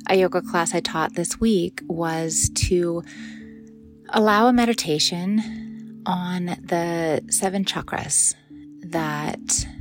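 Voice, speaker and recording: A middle-aged woman gently leading a guided meditation in a soft, soothing voice that often drops into a breathy near-whisper. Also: lowish voice. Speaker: meditation guide and yoga teacher.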